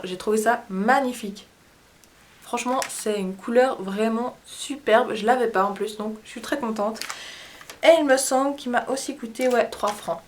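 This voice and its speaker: Woman, swiss french accent, a bit high-pitched, casual haul chat, hesitant, halting. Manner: chatty, hesitant, often pauses to search for words. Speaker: beauty vlogger.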